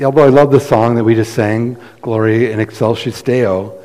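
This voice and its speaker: A man's voice: medium pitch, warm tone. A man preaching a sermon as pastor, earnest and emphatic, his voice rising and falling in volume for effect. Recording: long reverb of a church hall.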